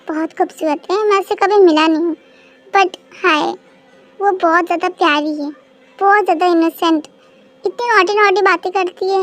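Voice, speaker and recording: A lovestruck young male professor who gushes and coaxes, as a high-voiced reader puts him on. The voice stays very high, with little attempt to sound deep. This is a homemade fan-dub drama. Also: a bit bright. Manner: gushing, affectionate.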